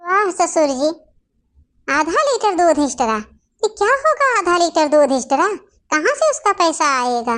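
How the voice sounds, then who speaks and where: A sharp-tongued young daughter-in-law in a cartoon family story, talking in a very high, shrill and loud voice, as a woman acts her out. She scolds and snaps sarcastically at her in-laws, quarrelsome and stingy. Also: sing-song, moderate pace, heavily acted. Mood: scolding.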